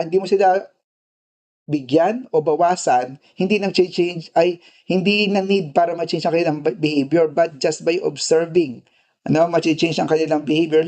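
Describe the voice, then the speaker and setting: A man's voice: fairly high pitch, darkish tone. A man with a Filipino accent teaching a nursing class in a casual lecture, switching between Filipino and English and tagging his phrases with "di ba" and "no". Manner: tags nearly every phrase with "di ba" and "no".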